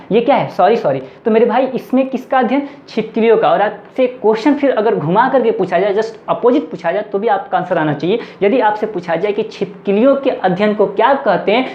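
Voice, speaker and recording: A man with a Bihari Hindi accent lectures for a competitive-exam class, firing quick questions and repeating the answers back. The recording is roomy and echoey. The sound is a little dull. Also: sits high.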